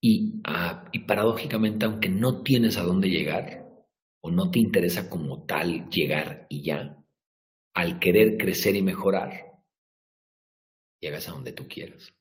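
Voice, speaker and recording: A man with a Mexican Spanish accent giving a blunt, profane motivational rant to his viewers, swinging from hushed to shouting. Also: low-pitched, a little slow.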